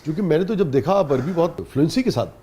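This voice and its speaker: A man's voice: a little high, lively intonation, dark tone, a little hiss or hum. A man with a Pakistani Urdu accent hosting a talk show, who affirms his guest often with short agreements and asks questions. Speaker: host.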